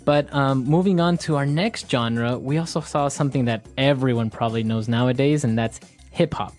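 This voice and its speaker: A man's voice: medium pitch, normal speed, darkish tone, soft background music. A man co-hosting a casual English-lesson podcast, steering the talk with short prompts and questions. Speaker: podcast co-host.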